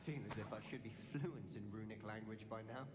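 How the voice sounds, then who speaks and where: A man's voice: fairly low pitch, fairly quick, heavy background noise, close to an everyday voice. An actor playing a curious, upbeat young male wizard student in video game dialogue, calling out spells sharply. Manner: casts spells with sharp raised incantations. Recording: game audio, loud music, echoey hall.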